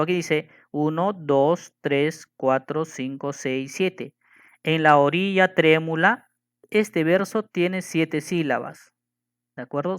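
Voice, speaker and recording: A man's voice: on the high side, fairly bright tone, clean tone. A man teaching a lesson on poetry, patiently repeating rules and counting syllables aloud while checking that students follow.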